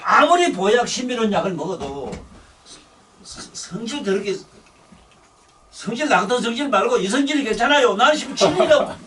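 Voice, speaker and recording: A man's voice: sits high, animated, normal speed, pauses often, a bit bright, distant mic, slight background noise. An older man with a Busan accent, giving a rambling dharma sermon in a blunt, scolding, coarse-spoken way. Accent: Gyeongsang (Busan). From Busan, South Korea. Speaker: Buddhist dharma teacher.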